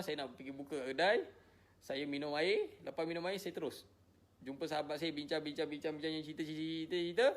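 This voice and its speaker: Weary, defensive married man, somewhat high voice. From Malaysia. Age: adult, married with a child. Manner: repetitive, defensive, tired. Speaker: social media personality. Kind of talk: emotional direct-to-camera statement.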